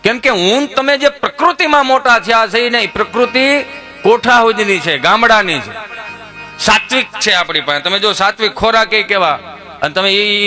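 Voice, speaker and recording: Man, stage storyteller who voices every character himself; high, bright tone. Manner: acts out both sides of his jokes, switching voices. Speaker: stand-up comedian. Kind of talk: Gujarati folk comedy storytelling.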